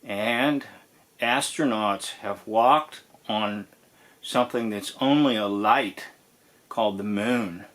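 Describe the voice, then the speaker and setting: Hosting a TV episode, a man gives informal commentary, speaking deliberately and drawing out the key phrases he lingers on. His voice is on the low side with a fairly bright tone.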